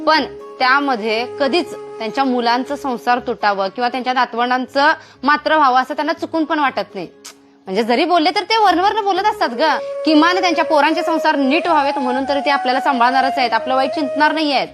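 A woman playing a calm elder sister-in-law who patiently persuades a younger woman to keep the family together. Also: sits high, fast, close to an everyday voice. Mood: reasoning. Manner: patient, persuasive, gently lecturing. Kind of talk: domestic skit monologue. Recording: music playing under voice. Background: background music.

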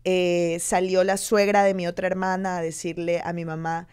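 A woman's voice: lowish voice, normal speed, clean tone. Ecuadorian woman telling her story. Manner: animated storytelling, acting out quoted voices. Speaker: interview guest, TV presenter. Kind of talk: candid conversational storytelling.

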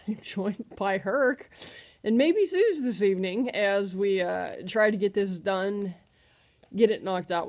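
A woman's voice: medium pitch, vocal fry, darkish tone. A middle-aged woman talking casually to her followers in a video diary, recorded in a living room on a webcam. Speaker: vlogger. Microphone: webcam or laptop mic close in front.

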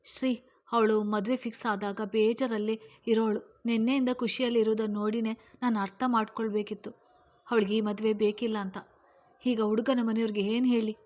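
A woman's voice: a little high, little pitch movement, normal speed, a little mellow, close to an everyday voice. A woman voicing a distraught middle-aged mother who talks while crying, fretful and pleading, in a read-aloud story. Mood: tearful.

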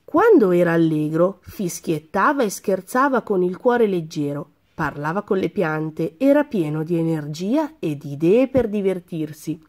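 A woman reading a children's story aloud in a lively, expressive way. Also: lowish voice, unhurried, hardly any pauses.

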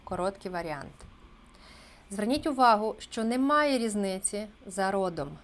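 A woman teaching a beginners' language lesson on video, explaining patiently and slowing down to repeat example phrases. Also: medium pitch, lively intonation. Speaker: Spanish teacher.

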